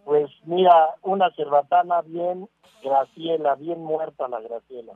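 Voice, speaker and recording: A man's voice: a little high, fairly even intonation, unhurried, dry recording. A middle-aged man, calling in to a radio show over a phone line and joking with playful wordplay. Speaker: caller. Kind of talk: call-in chat on radio. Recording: tinny dry phone line.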